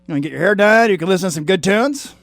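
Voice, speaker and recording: A man appearing as a musician guest on a radio show, upbeat and quick to laugh. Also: high-pitched, gravelly, no echo. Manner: upbeat, laughs often, lively delivery. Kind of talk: casual radio interview.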